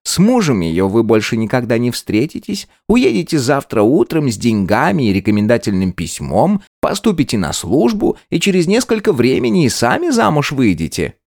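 A man's voice: mid-range voice, wildly swooping pitch, moderate pace, hardly any pauses, darkish tone, no echo, pitched above the performer's own voice. A sugary, persuasive aunt who lays on the sweetness, as a male reader puts her on. The raised voice rises and falls, and the recording is dry and close. The figure comes from a read-aloud story. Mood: cloying.

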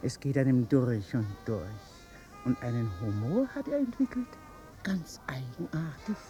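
A woman's voice: extremely low pitch, animated, measured pace, mellow, faint music behind. An actress playing a flirtatious, gushing upper-class lady in a 1950s radio drama, talking coquettishly. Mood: gossipy. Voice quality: coquettish, theatrical. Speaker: society lady at a party.

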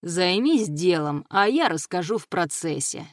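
A woman reading the part of a crude, domineering male pirate captain in an audiobook, speaking slowly and heavily. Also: lowish voice, lively intonation, dry recording, studio quality. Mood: leering.

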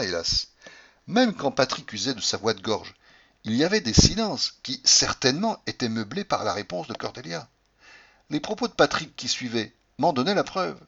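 A man giving an expressive audiobook reading of a first-person novel, dramatic and moving between hushed and raised tones, with a husky voice. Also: medium pitch. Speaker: audiobook narrator. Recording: dull lo-fi recording.

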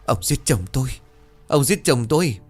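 A man's voice: medium pitch, expressive, normal speed, faint music behind, voice pushed up, close to an everyday voice. A man voicing a poor, desperate young mother and grieving wife, tearful and trembling. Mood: begging.

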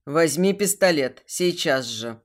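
A woman voicing a menacing male demon who mocks and barks orders in a lowered voice. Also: animated, slow pace. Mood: commanding. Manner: mocking, barking orders.

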